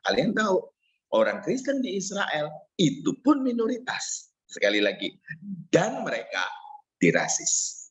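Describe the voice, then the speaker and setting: A middle-aged man preaching a sermon in a lively way, teasing the audience with questions. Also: mid-range voice. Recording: dull lo-fi sound.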